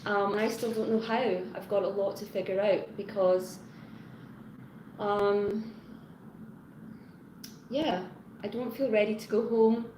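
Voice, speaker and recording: A woman chatting on a live stream, talking into her phone's front camera in an echoey room with a steady hum of background noise. Her pitch sits in the middle range, and she drifts from one thought to the next. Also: takes it slowly, pauses often. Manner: chatty and rambling, greeting chat commenters. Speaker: live-stream host, teacher. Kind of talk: casual live-stream chat with viewers. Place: her home in Hong Kong.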